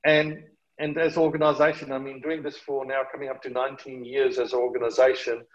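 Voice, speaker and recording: A man's voice: mid-range voice, flat delivery, quick pace, muffled recording. A middle-aged man with a South African accent, a charity guest talking earnestly in an interview, with many fillers and restarts. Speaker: charity partnership manager, guest. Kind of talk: conversational interview.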